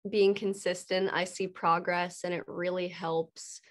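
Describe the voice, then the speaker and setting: A woman's voice: lowish voice, little pitch movement, unhurried. A young woman chatting in an interview, talking earnestly with lots of casual fillers. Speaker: guest.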